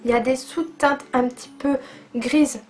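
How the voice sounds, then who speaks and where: A woman with a high voice talks through her favourite makeup products in a casual beauty vlog. She sounds chatty and eager and fills her speech with little hesitations. Soft music plays faintly behind her. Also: fairly even intonation, unhurried. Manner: chatty and enthusiastic, with frequent fillers. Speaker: beauty vlogger.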